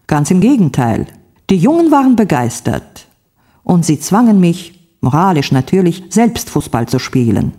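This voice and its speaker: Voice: mid-range voice, sing-song, moderate pace, dark tone. A reader voicing a grumpy middle-aged sick man who groans and snaps, in a textbook story reading. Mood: explaining.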